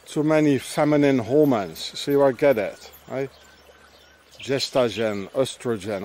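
This vlogger, a middle-aged man, strolls a countryside path outdoors while delivering a meandering, ranting monologue full of tacked-on questions. His mid-range voice has a darkish tone, and there's a little hiss or hum in the audio.

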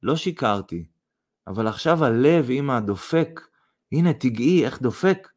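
Man reading a serious young guy in love, quiet and earnest. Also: medium pitch, expressive, natural voice.

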